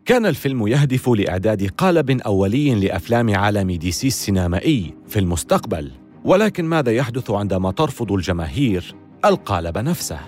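Animated male documentary narrator over music. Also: lowish voice, fast talker.

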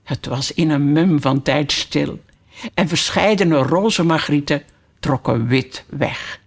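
A narrator reading a children's classic aloud, in a calm, measured and expressive way. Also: medium pitch. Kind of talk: slow audiobook storytelling.

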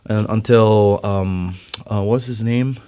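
Low-voiced man from Miami, easygoing. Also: steady tone, mellow, clear, resonant tone. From Miami, Florida. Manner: easygoing, halting with ums and uhs. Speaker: drummer, guest. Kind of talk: casual interview chat.

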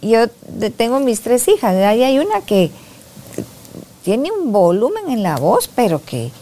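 A soft-spoken woman psychologist talking reflectively in a casual podcast conversation. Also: fairly high pitch, wildly swooping pitch, unhurried. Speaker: psychologist guest.

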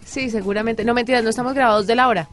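A woman's voice: a little high, steady tone, rapid-fire, soft background music. A woman co-hosting a radio show, teasing her partner in playful banter. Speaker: radio co-host.

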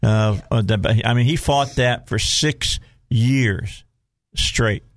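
A man's voice: medium pitch, slow, no echo, studio quality. A man with a Southern US accent hosting a casual talk radio show in a folksy way, often repeating phrases as he goes.

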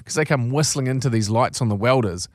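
A man's voice: medium pitch, fast, no room sound. Blokey male radio host, close dry sound. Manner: blokey, colloquial, slangy. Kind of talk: casual radio chat and animated reading aloud of a comic anecdote.

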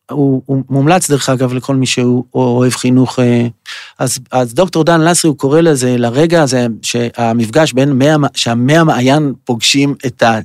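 A man hosting a podcast, giving an animated, mocking monologue that he keeps breaking up with acted voices. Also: medium pitch, dry recording, studio quality. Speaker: podcast host. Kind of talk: lecture-like monologue.

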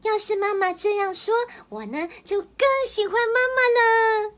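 A woman doing a high, sweet little child. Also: moderate pace, fairly bright tone. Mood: earnest, sweet. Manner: sweet, earnest childlike telling. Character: small child who adores its mother.

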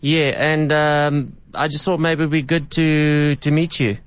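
A man's voice: fairly high pitch, flat delivery, measured pace, clear, resonant tone, natural voice. A man playing a cocky, over-familiar young boyfriend on a prank call, rambling hesitantly and casually. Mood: bashful, earnest.

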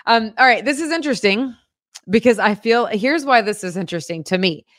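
A woman co-hosting a casual local news show, chatting in an upbeat, animated way. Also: a little high, fairly quick, no room sound, studio quality.

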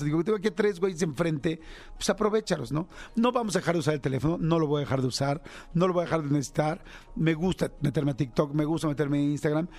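A middle-aged Mexican man with a Mexican accent, a radio host chatting casually with quick asides. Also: fairly high pitch, darkish tone. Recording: radio broadcast with music bed.

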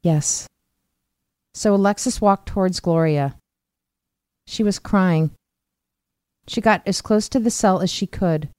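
Mellow-voiced woman narrating a podcast. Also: mid-range voice, dry recording. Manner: measured, earnest storytelling. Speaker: investigative reporter and podcast narrator. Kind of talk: scripted narration.

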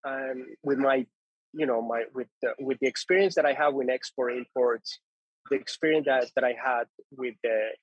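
A man from Colombia, English not his first language, talks through his background as a guest in an interview. His voice is husky, with a dry, somewhat dull sound and no room around it. He circles back, repeats words and restarts sentences as he goes. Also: mid-range voice, normal speed, no room sound. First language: Spanish. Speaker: guest, coffee importer. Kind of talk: conversational interview.

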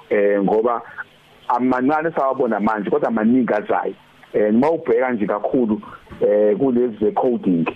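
A man's voice: fairly low pitch, slightly rough, narrow, tinny audio. A man with a Zulu accent explaining things casually as a radio guest, often slipping in English words and phrases. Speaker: radio guest, digital skills advocate.

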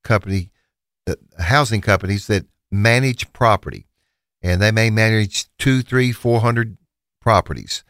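Um homem com sotaque do sul dos Estados Unidos, apresentador e leiloeiro, falando num bate-papo de rádio cheio de hesitações e recomeços. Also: male voice, fairly low pitch, unhurried, a bit bright, dry recording, clean studio sound. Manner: rambling, many restarts and fillers. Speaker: auctioneer and radio host. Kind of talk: casual radio talk.

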